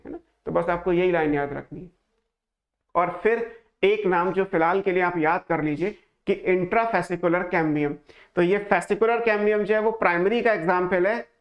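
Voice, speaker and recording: A man's voice: high-pitched, highs cut off. Male teacher, online lecture, step-by-step explanations, asks and answers his own questions, slips into English phrases. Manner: mixes English phrases into Hindi.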